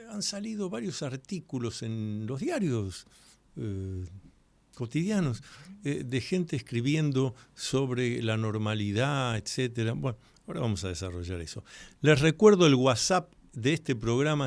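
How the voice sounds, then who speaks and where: A man hosting a live radio talk show, explaining ideas to listeners and repeating key points slowly. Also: medium pitch, expressive, darkish tone, no room sound. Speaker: radio host. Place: radio studio. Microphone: studio microphone.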